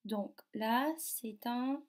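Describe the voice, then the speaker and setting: A woman teacher giving a phonics lesson to young children, slowly sounding out syllables and words. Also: on the high side, a little mellow. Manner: slow, carefully articulated, sounding out syllables. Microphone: device camera.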